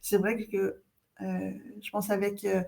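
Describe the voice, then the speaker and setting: Une femme d'âge moyen à l'accent québécois, qui parle de façon chaleureuse et bavarde, avec beaucoup d'hésitations, dans une conversation de balado. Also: female voice, medium pitch, completely flat delivery, unhurried, gravelly. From Quebec. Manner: warm, chatty, many hesitations. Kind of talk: casual podcast conversation.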